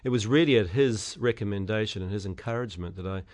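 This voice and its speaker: A middle-aged New Zealand man answers radio interview questions as an election candidate, halting often with many fillers and restarts. His voice is on the low side and darkish.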